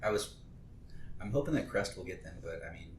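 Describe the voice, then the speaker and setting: A man's voice: lively intonation, brisk. A man hosting a casual podcast, telling rambling, laid-back stories with the odd swear word. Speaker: podcast host. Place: home kitchen studio. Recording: echoey room with faint rumble.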